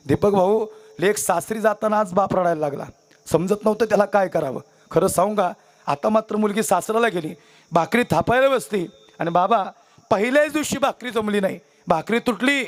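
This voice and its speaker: A man preaching a devotional kirtan sermon on stage, fervent and exhorting, speaking directly to a seated audience and weaving in stories. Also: high-pitched.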